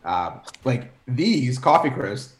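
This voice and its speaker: A man's voice: mid-range voice, big pitch swings, takes it slowly, a little hiss or hum. A man in his forties, a guest on a podcast, explaining things in an easygoing, rambling way. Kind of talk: casual chat. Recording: roomy echo.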